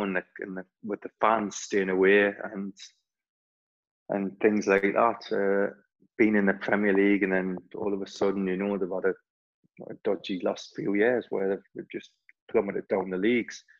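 A Geordie man from Newcastle, England, in his forties and formerly a player and club staff member, answers interview questions. His lowish voice is level and moderately paced, with the highs cut off in the audio. He rambles, restarting often and using plenty of fillers.

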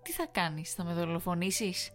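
A woman's voice: fairly low pitch, sing-song, faint music behind. A woman voicing a flippant young nurse coworker who teases and mocks in a sarcastic manner. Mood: teasing. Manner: teasing, sarcastic. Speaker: night-shift nurse.

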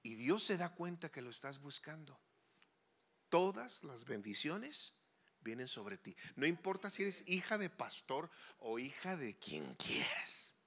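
Impassioned high-voiced preacher. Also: male voice, very animated, unhurried. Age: 40s or older. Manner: impassioned preaching that swings from loud cries to hushed low asides. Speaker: pastor. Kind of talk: sermon.

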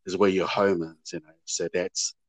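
Male actor, halting delivery, dry close sound. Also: low voice, little pitch movement, no room sound. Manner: halting, often repeats words. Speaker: actor, interview guest. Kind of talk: casual interview chat.

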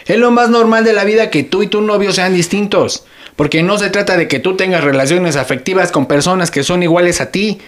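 A man's voice: sits high, brisk, lightly acted. An actor playing a hungry, teasing father who jokes while trying to comfort his daughter, speaking with a Mexican Spanish accent. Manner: joking, exaggerated whining. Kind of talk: sketch acting.

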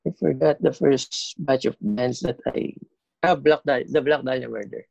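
A man with a slight lisp, a band vocalist chatting as a podcast guest, talking haltingly with many fillers and restarts. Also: mid-range voice, gravelly, darkish tone, no room sound, dull audio. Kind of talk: casual interview chat.

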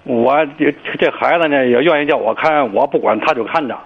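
Caller, Tianjin man in his 60s, gravelly, halting and stammering, muffled lo-fi line. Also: medium pitch. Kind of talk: phone-in call. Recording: dull lo-fi call line.

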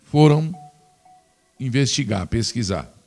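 A man's voice: mid-range voice, animated, takes it slowly, darkish tone, faint music behind. Indignant Brazilian man ranting about politics. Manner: indignant, scornful, addresses listener directly. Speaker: political commentator. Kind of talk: opinionated political commentary.

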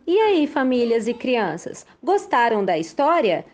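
A Brazilian woman telling a story to children in the expressive manner of a kids show host. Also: a little high, unhurried, over music.

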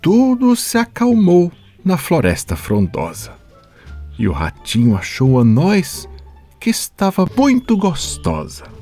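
Slow, sing-song male storyteller. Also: sits high, huge pitch swings, dark tone, soft background music. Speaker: podcast storyteller. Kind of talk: storybook read-aloud.

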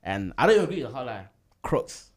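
A young man with a London accent leads a casual group chat. His pitch is average for a man. He talks in heavy slang and presses his points by repeating them. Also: very animated, moderate pace. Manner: slangy, insistent, repeats himself. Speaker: host leading a group discussion.

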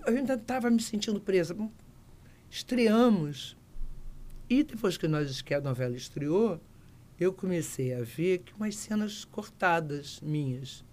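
An older actress being interviewed, telling anecdotes in a lively way and acting out the voices of the people she quotes. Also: lowish voice. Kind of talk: casual interview storytelling.

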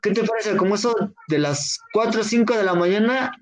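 High-voiced Mexican man telling a story. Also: brisk. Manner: slangy, relaxed, acts out the lines of people in the story. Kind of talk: casual chat, telling a drinking anecdote.

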